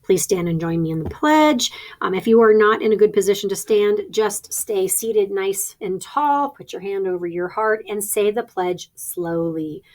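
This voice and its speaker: A woman's voice: mid-range voice, animated, normal speed, hardly any pauses, a little mellow. Chatty woman teacher explaining step by step. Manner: practical, chatty, thinks aloud while clicking. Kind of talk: instructional screen-recording walkthrough.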